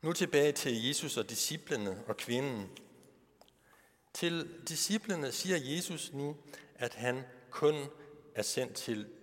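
A man's voice: mid-range voice, animated, big-room sound. A male pastor giving a sermon, posing rhetorical questions to the congregation.

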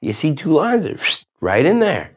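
Man, husky voice, animated pitch, exasperated profane rant, podcast host. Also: normal speed. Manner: exasperated, profane, rising to outbursts. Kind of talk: ranting monologue.

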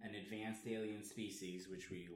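Guy with a really low voice, explains stuff with lots of ums, kinda echoey room. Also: flat delivery, moderate pace. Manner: explains at length with many ums and restarts. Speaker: podcast co-host. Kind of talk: casual chat. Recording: roomy echo.

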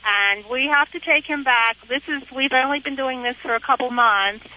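A woman from Pennsylvania calls a radio show from her car, her high voice pushed and bright at a normal speed. She chats casually and explains things in rambling detail over a dull, lo-fi phone line with slight hiss or hum.

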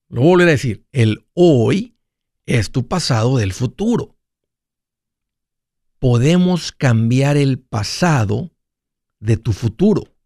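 A man's voice: medium pitch, a little mellow, no room sound, clean studio sound. A man hosting a casual monologue, playful and jokey, often restarting mid-phrase. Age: 40s. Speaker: radio finance host.

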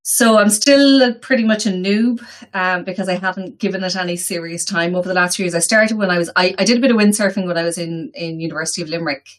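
Irish woman, west of ireland accent, lowish voice, chatting away really informally in an interview. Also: fast. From Galway, west of Ireland. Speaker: interview guest. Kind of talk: casual conversational interview.

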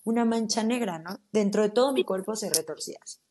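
A woman with a Mexican accent, a podcast guest telling a personal story in a casual, animated and slangy way. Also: medium pitch, quick pace. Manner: animated, slangy, acts out her own quotes.

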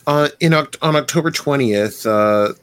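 A man interviewing a musician over a video call, asking questions in a halting way that restarts mid-sentence. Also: mid-range voice, a bit bright, smooth, dry recording.

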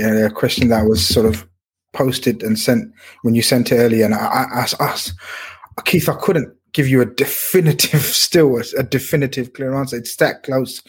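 A man's voice: medium pitch, slightly rough. A man in a casual sports discussion, giving his view as a pundit and often repeating words as he weighs it. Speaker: football pundit.

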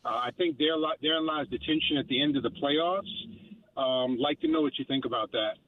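A man's voice: on the high side, a little fast. Man calling from his car, clipped phone line. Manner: polite, clears his throat, hesitant fillers. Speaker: caller. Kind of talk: sports radio call-in.

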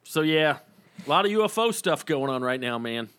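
Man, podcast co-host, animated pitch, bright tone, chatty storyteller. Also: a little fast, clear, resonant tone. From Southern United States. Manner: easygoing, chatty, storytelling, hesitant fillers. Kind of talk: casual chat.

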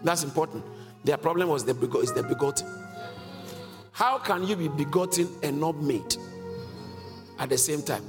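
Emphatic preacher with a higher male voice. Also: expressive, moderate pace, vocal fry, long pauses. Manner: emphatic, asks the congregation questions, chuckles often. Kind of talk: sermon teaching on scripture. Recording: reverberant hall with faint music.

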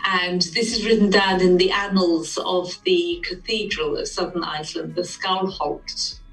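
A woman's voice: on the low side, steady tone, measured pace, fairly bright tone, far from the mic, rough recording. A woman explaining history in an interview, recorded some way from the mic with music underneath.

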